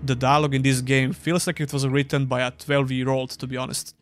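A man's voice: mid-range voice, level tone, a little fast, faint music behind. A young man giving a scripted, dryly sarcastic voice-over review of an old game. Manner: dry, sarcastic. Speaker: gaming YouTuber.

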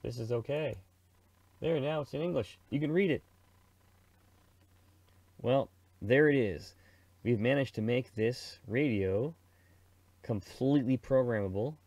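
This casual screen-recorded tutorial on radio software features a middle-aged man from Canada who talks informally with slang, narrating his thoughts along the way. His medium-pitched voice is a little slow and a little mellow, with long pauses, and there's no echo.

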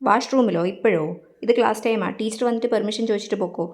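A woman's voice: mid-range voice, fast talker, close to an everyday voice. A woman playing a bossy teenage girl class monitor, scolding. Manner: officious, scolding.

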